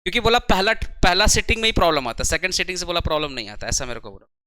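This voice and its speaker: Man, commerce tutor, slow chatty classroom lecture, repeats his questions, dry close sound. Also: high-pitched, animated, pushed and bright, clear, resonant tone, no room sound. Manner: speaking slowly. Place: coaching centre classroom.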